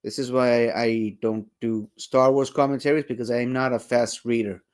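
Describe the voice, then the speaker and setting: A man's voice: medium pitch, fairly even intonation, normal speed, darkish tone. A young man giving casual, rambling, enthusiastic commentary while rewatching a movie, often correcting himself.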